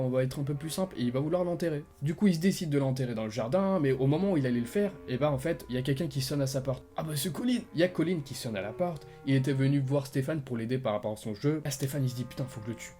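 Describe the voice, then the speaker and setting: A man retelling the endings of an interactive film in a casual, animated way, full of fillers and sound words like "bam". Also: medium pitch. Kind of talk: casual explainer narration.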